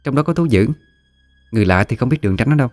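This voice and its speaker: A man's voice: medium pitch, expressive, very fast, darkish tone, faint music behind, voice pushed up, close to an everyday voice. A man putting on a reserved young woman. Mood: warning.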